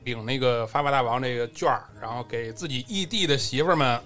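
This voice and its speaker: A man's voice: mid-range voice, fast talker. A man chatting casually as a panelist on a podcast, bantering with friends. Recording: loud music behind the voice. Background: loud music.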